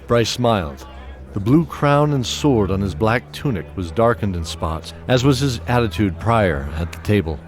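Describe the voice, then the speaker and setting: Over clearly audible music, a man narrates a fantasy audio drama in steady, descriptive scripted storytelling. His voice is lowish and his pace moderate.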